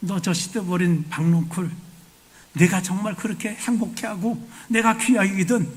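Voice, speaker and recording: A man voicing God as he gently reproves a sulking prophet, with questioning and pleading speech. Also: high-pitched, fairly even intonation, moderate pace, voice pushed up, close to an everyday voice. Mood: reproving, pleading.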